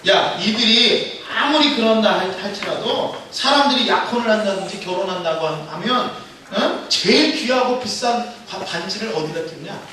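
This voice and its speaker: A man's voice: sits high, animated, moderate pace, bright, forceful tone, slight background noise. A man putting on the voice of a proud ring finger that boasts indignantly about being precious. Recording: echoey hall from far off.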